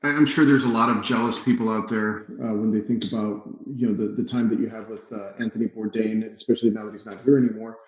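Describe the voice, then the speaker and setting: A man's voice: on the low side, fairly even intonation, fast, few pauses, reverberant, dull audio. A man hosting a podcast interview, asking questions hesitantly with many restarts and fillers. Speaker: podcast host.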